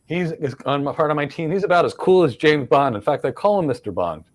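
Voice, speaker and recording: Speaking on the high side with lively intonation and a brisk pace, a middle-aged man from the United States hosts a live Q&A on careers. He has a Philadelphia accent, acts as a career mentor, and emphasizes things by saying words over again.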